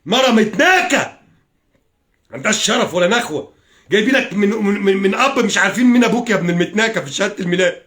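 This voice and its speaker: A man's voice: sits high, lively intonation, rapid-fire, a bit bright. A young Egyptian man ranting on a live stream, furious, cursing and pleading with his viewers. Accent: Egyptian Arabic. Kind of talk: angry political livestream rant.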